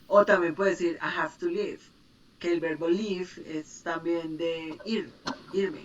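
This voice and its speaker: Patiently explaining grammar in an online English class, a woman speaks slowly in a steady, fairly low voice and makes sure students are following by asking "¿sí?" and "¿listo?". There's slight background noise, and the audio is muffled from a distant mic.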